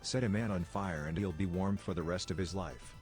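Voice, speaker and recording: A man telling jokes in a deadpan, measured way, delivering setups and punchlines as a comedian. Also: sits low. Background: music.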